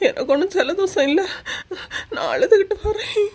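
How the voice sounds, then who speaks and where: Lady doing whiny sulky young village girl, kinda high voice, kanyakumari accent, cartoon. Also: brisk, a bit bright. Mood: tearful. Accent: Kanyakumari Tamil. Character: tearful young village woman, sulky and easily upset. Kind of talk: cartoon voice acting.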